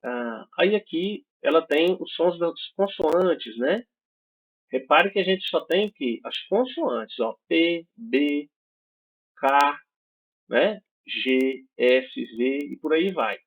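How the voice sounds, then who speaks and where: A man's voice: a little high, expressive, slow pace, slightly rough. A Brazilian man teaching an online English class, explaining patiently and checking in with his students often. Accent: Brazilian Portuguese. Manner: explanatory, checks in with frequent "certo?" and "né?". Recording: tinny phone-like audio.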